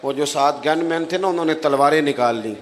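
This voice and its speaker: A man delivering a religious sermon, telling stories and acting out the voices in them. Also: a little high. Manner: animated storyteller, acts out quoted voices. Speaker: Islamic preacher. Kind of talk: Urdu religious sermon with storytelling.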